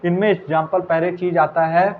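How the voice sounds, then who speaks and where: Male teacher, casual revision lecture, slightly high voice, tinny phone-line sound. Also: little pitch movement, a little fast. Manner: casual, repeats answers, calls listeners brother. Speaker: biology teacher. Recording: tinny phone-like audio, faint hiss.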